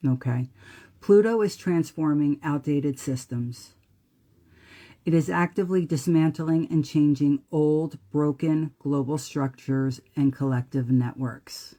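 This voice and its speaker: A woman's voice: sits low, measured pace, warm tone. A woman with a New Jersey accent giving a live astrology talk in an earnest, emphatic way. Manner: earnest, emphatic, occasional profanity.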